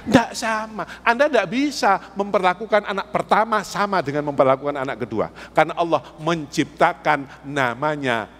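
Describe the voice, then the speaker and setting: Preaching an Islamic sermon inside a mosque, a man with an East Javanese accent poses rhetorical questions to the congregation and presses for answers. His voice sits on the high side with a fairly bright tone at normal speed, recorded in an echoey mosque hall.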